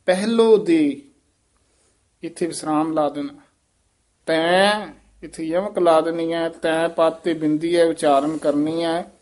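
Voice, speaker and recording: A man teaching pronunciation, correcting each phrase patiently and repeating it slowly. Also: fairly high pitch, level tone, a little mellow. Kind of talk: pronunciation lesson.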